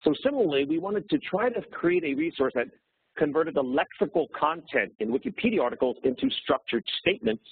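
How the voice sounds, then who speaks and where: A man's voice: fairly high pitch, animated, a little fast, a little hiss or hum. A man speaking on a phone to present a webinar, explaining steadily with fillers. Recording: dry, tinny phone line.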